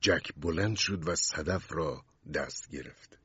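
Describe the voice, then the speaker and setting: Deep husky male narrator. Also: a bit bright, no room sound, lo-fi sound. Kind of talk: scripted narration.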